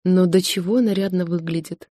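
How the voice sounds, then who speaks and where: A woman narrating an audiobook in a measured, even storytelling manner. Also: lowish voice, no echo, studio quality.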